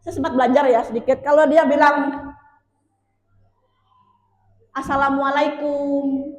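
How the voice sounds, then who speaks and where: A woman with a high voice gives a casual workshop talk to teachers. She chats directly with her listeners, calling them sir and ma'am. Her voice rings in an echoey meeting room. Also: fairly even intonation, a little fast, darkish tone. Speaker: workshop presenter.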